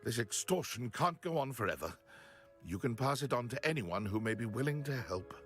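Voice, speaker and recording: Man voicing a shaken widower, formal, sighing, lively pitch. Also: a little fast, soft background music, close to an everyday voice. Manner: sorrowful, sighing, formal speech. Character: shaken grieving male widower villager.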